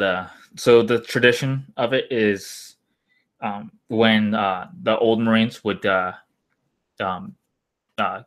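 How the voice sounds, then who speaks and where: A man's voice: fairly low pitch, fairly bright tone. A young man chatting casually on a livestream in a rambling, hesitant way, often trailing off. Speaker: live streamer, former Marine.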